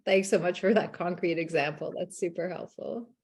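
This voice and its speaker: A woman's voice: lowish voice, normal speed, a little mellow, husky. A woman moderating an online session, politely reading audience comments from the chat. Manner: polite and encouraging.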